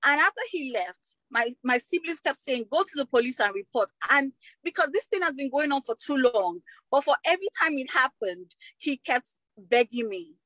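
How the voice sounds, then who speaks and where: A woman's voice: high-pitched, lively intonation, moderate pace, sharp tone, no echo, poor audio. Emotional Nigerian woman telling her story. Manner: emotional, tag questions like "you get". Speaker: interview guest. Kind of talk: recounting a personal story in an interview.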